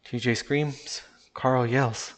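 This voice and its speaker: A man's voice: mid-range voice, fairly even intonation, slow. A man reading a first-person story aloud on a stream, casual in tone, swearing now and then and restarting sentences.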